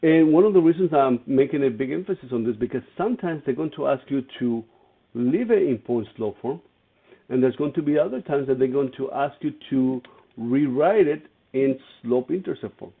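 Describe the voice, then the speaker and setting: A math teacher with a husky, medium-pitched voice and some vocal fry teaches algebra at a normal speed, sounding expressive. He explains each step and questions his students throughout, captured in tinny, phone-like lo-fi audio.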